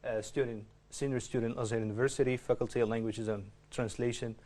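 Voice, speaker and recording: Halting young Egyptian man on a panel. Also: mid-range voice, steady tone, mellow. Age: young adult. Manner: halting, frequent uh fillers. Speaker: studio guest. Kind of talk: panel discussion. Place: television studio.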